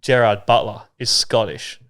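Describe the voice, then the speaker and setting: A man's voice: mid-range voice, steady tone, a little slow, a bit bright. An Australian man co-hosting a podcast, telling laid-back anecdotes with casual swearing. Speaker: podcast co-host. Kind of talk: casual banter.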